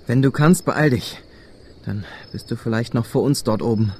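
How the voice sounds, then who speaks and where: A man's voice: mid-range voice, normal speed, darkish tone, lightly acted. An actor playing an anxious, apologetic monk in an audio drama, loyal and hesitant, often repeating his words. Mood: worried, loyal. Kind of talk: dramatic audio play acting. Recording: clear background noise.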